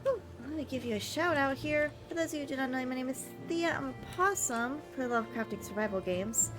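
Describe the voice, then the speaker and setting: A woman's voice: high-pitched, brisk, music in the background. A young woman, chatting casually with her stream while out of breath, rambling and laughing often. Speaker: vtuber streamer.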